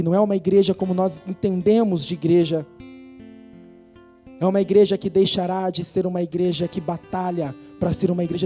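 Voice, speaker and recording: Brazilian male preacher, higher voice, mellow tone, earnest, rising to forceful stress, soft guitar behind. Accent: Brazilian Portuguese. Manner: earnest, builds to forceful emphasis, acts out quoted voices. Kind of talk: sermon. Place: church hall.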